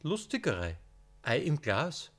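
A man's voice: fairly high pitch, huge pitch swings, slow, pitched above the performer's own voice, full character voice. A man doing Wasserstein, a grumpy old man. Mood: dry grumbling. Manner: dry, curt replies. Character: grumpy 83-year-old man, dry and listless. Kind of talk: reading aloud at a book reading.

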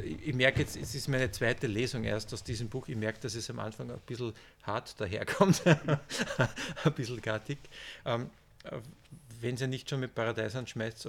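Man, author, book reading, hesitant, mid-pitched. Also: creaky, a little hiss or hum. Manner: hesitant, many fillers and restarts. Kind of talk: book reading with audience talk.

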